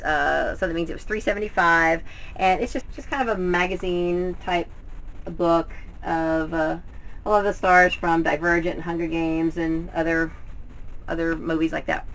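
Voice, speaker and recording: Her voice mid-range, pushed and bright, a middle-aged woman vlogs a book haul indoors at home with bookshelves behind her. She reviews the books in a casual, chatty way straight to camera, though the audio is poor.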